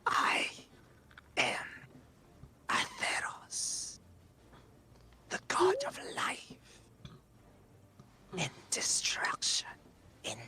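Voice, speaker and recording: A possessed demon god voice, creepy harsh whisper, ancient and menacing, super grandiose, tabletop rpg. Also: male voice, medium pitch, huge pitch swings, drawn-out words, gravelly, long pauses, sharp tone, voice pushed up, full character voice. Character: ominous ancient dark god of life and death, demonic. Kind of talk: tabletop game role-play.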